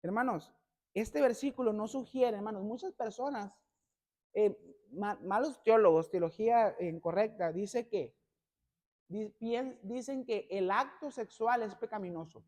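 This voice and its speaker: A male pastor preaching a sermon, constantly addressing the congregation as brothers and building to loud, emphatic passages. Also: sits high, a little slow. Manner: peppers every phrase with "hermanos".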